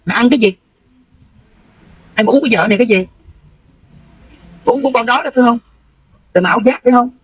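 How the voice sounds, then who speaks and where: High-pitched Southern Vietnamese man scolding. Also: very fast, long pauses, slightly rough, no echo, rough recording. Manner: scolding, confrontational, addresses listener bluntly. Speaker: livestream host. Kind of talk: heated livestream rant.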